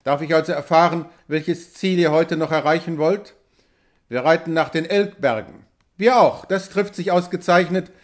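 Ein Mann gibt einen schmeichelnden Schwindler, laut und hoch. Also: male voice, on the high side, moderate pace, lightly acted. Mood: eager. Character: smooth-talking swindler posing as trapper, man.

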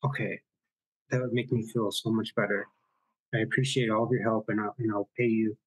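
A man's voice: on the low side, level tone, a little fast, husky, rough recording. A man voicing an exhausted young mother who stammers and pleads for help. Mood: relieved.

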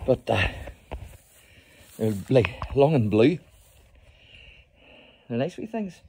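A man's voice: mid-range voice, very animated, takes it slowly, warm tone, slight background noise. A middle-aged man, chatting enthusiastically to viewers as he films a walking tour outdoors on his phone. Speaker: history trail guide. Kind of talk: casual walking tour vlog. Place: outdoors in a rural graveyard.

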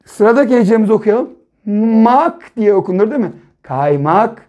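A patient male primary school teacher leads young children through a reading lesson, sounding out syllables one at a time before blending them into words. His voice is mellow and soft-edged, and he often closes a point with a gentle checking question. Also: high-pitched, a little fast.

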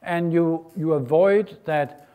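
Man, middle-aged, lecturing, fairly high voice, stop-start phrasing. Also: slow pace, warm tone, clear, resonant tone. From Denmark. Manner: hesitant, many fillers and restarts, informal. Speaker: guest lecturer. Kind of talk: university lecture. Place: lecture hall, indoors.

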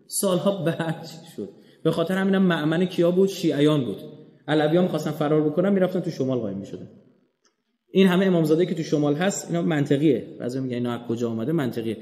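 An Iranian man giving an animated religious lecture, swinging from loud emphatic points to hushed, low asides and acting out quoted speech. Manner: acts out quoted speech in storytelling. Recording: long hall reverb.

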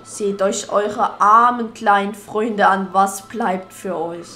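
A woman voicing a menacing dark lord villain while reading game dialogue aloud, with slow, drawn-out, theatrical threats. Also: mid-range voice, faint music behind.

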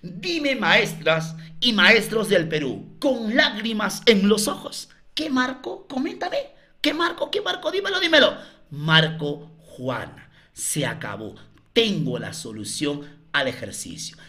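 A man's voice: a little high, sharp tone. A Peruvian man tutoring math in a live online class, coaxing viewers with repeated questions to the chat.

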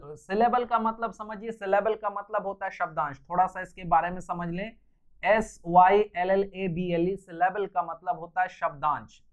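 A male English teacher lectures a class. He spells words out letter by letter and explains each point patiently. The recording sounds slightly dull and lo-fi. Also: high-pitched.

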